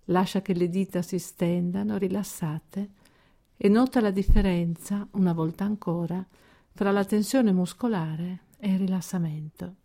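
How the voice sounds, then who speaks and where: Mellow woman guiding progressive muscle relaxation. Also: on the low side. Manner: calm, measured instructions with deliberate pauses. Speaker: relaxation guide. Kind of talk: guided progressive muscle relaxation, scripted narration.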